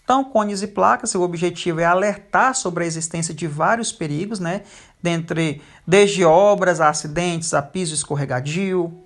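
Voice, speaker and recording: Teacher doing a slide lecture, keeps going "é, né", mid pitch. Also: normal speed. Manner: frequent hesitation fillers. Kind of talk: recorded lecture over slides.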